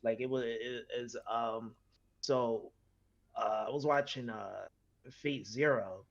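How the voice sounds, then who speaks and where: A man's voice: medium pitch, fairly even intonation, slow pace, muffled recording. A man co-hosting a podcast in casual, slangy conversation about anime. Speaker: podcast co-host.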